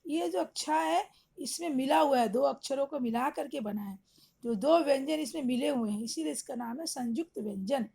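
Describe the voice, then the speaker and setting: Woman, teacher, online lesson for kids, patient step-by-step explaining, asks and answers questions, high voice. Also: animated, normal speed, creaky, dark tone. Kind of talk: online grammar lesson for children.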